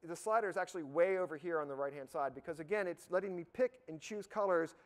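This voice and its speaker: A man with a somewhat raised pitch walks through a live software demo. He sounds slightly hoarse, as if losing his voice. His delivery is relaxed and upbeat, full of fillers and restarts. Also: fast. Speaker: product expert giving a software demo.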